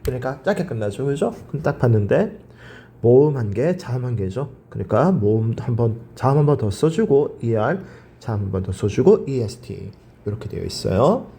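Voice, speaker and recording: A man's voice: mid-range voice, dark tone. A male teacher giving a grammar lecture. He asks his class questions, answers them himself and drills the words by repeating them.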